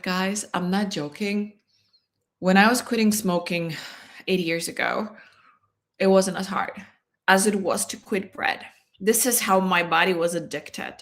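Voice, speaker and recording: A woman's voice: medium pitch, fairly bright tone. A woman from Poland, a wellness coach giving an earnest, chatty health talk and speaking straight to her viewers. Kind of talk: casual health talk to camera.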